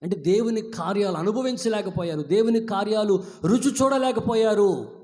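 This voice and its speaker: A male pastor preaches with a high-pitched voice that lingers in a long hall reverb. He drops to quiet asides, then climbs to high, emphatic declarations. The recording comes from a live service in a church hall. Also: normal speed. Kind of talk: sermon.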